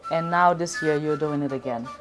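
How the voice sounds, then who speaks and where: A woman hosting a talk show, interviewing a guest in a steady, affirming way. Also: sits low, normal speed, over music. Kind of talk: interview conversation.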